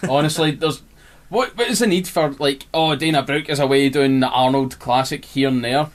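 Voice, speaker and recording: A Scottish man on a podcast with an ordinary mid-range voice, giving blunt opinions in a relaxed, chatty way. He talks freely and keeps the conversation going. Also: medium pitch, moderate pace. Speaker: podcast co-host. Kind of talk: casual chat.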